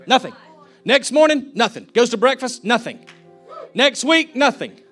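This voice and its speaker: A man's voice: very high-pitched, big pitch swings, normal speed, a bit bright, faint music behind. A man preaching a fervent sermon as a pastor, acting out the people he quotes.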